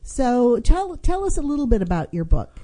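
A woman's voice: a little high, sing-song, moderate pace, dark tone. A middle-aged woman hosting a public affairs radio interview, conversational and responsive as she speaks. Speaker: radio host. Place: radio studio. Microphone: studio microphone.

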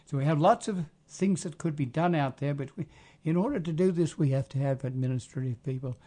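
A man hosting a casual community radio talk, rambling and often pausing to search for words. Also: fairly high pitch, mellow. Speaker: radio show host.

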